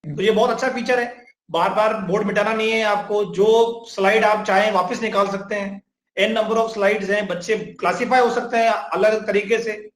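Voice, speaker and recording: A man's voice: high-pitched, steady tone, moderate pace, few pauses. Polite man in an echoey room. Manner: polite, says "sir" often. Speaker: interviewer. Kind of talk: interview conversation.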